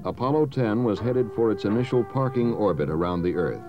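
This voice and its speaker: A man giving measured, solemn scripted narration for a documentary. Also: fairly low pitch, animated, highs cut off. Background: music.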